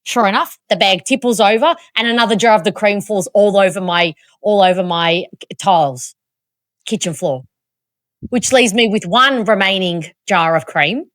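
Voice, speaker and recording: An Australian woman hosting a podcast, telling a story in an animated, self-mocking way. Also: mid-range voice, moderate pace, no room sound, studio quality. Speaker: podcast host. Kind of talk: casual chat, storytelling.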